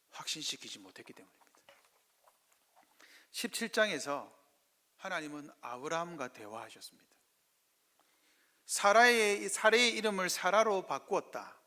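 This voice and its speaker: Gyeongsang pastor with a high, bright voice. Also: male voice, animated, moderate pace, pauses often. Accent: Gyeongsang Korean. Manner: asks the congregation constant rhetorical questions; acts out biblical speakers in dramatic voices. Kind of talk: sermon. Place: church sanctuary. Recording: echoey church hall.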